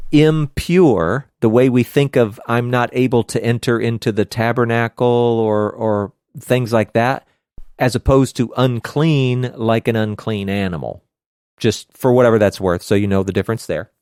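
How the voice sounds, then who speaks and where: A man co-hosting a casual Bible study podcast, animated and quick to laugh, with hammy outbursts. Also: medium pitch, clear, resonant tone, dry recording, clean studio sound. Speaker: podcast co-host teaching scripture.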